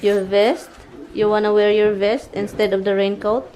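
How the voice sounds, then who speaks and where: A woman's voice: medium pitch, flat delivery, measured pace, dark tone. A middle-aged woman from the Philippines with a Visayan accent, chatting casually and giggling as she vlogs at home. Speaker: vlogger. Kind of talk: casual chat to camera.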